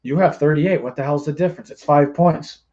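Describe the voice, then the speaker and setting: Man, sports podcast host, loud and joking, slightly high voice, dull lo-fi sound. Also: brisk. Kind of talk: casual sports talk.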